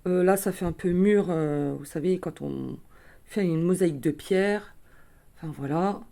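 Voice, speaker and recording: A woman's voice: fairly low pitch, a little slow, gravelly, dark tone. A woman casually showing her craft purchases to viewers, chatty with many fillers and small self-corrections. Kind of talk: casual show-and-tell.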